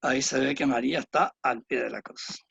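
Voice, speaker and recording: Gravelly man giving a Bible lecture. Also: medium pitch, fairly even intonation, fairly quick, fairly bright tone, no echo, lo-fi sound. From Chile. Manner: explanatory, keeps checking in with tag questions.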